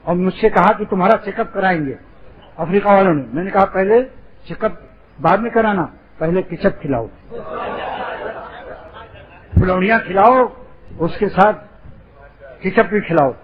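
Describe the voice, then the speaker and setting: Male preacher, high-pitched, humorous sermon with wordplay; muffled lo-fi sound. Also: pauses often. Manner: playful wordplay, teasing. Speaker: Islamic preacher.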